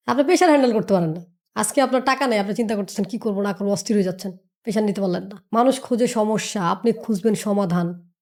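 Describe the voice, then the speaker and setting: A woman talks as a business mentor on a podcast. Her fairly high voice races along at a brisk clip. She drives her points home with emphasis, repetition and rhetorical questions. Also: darkish tone. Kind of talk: motivational podcast talk.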